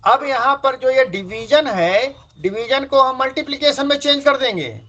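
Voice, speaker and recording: High-voiced male math teacher, lo-fi. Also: lively intonation, moderate pace, pushed and bright. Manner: explains step by step, repeats points, mixes English terms. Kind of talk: classroom lecture at a board. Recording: dull lo-fi sound.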